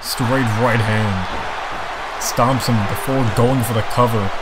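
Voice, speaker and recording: Male wrestling play-by-play caller. Unhurried base delivery, dramatic and emphatic, over clear background noise. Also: medium pitch, steady tone. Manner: exclamatory, dramatic, emphatic reactions. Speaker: professional wrestling play-by-play commentator. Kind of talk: live wrestling commentary.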